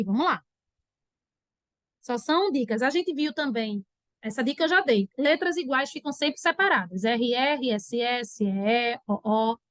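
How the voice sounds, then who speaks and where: A woman teacher giving an online grammar lesson, animated and acting out her students' questions. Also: high-pitched, no echo, studio quality.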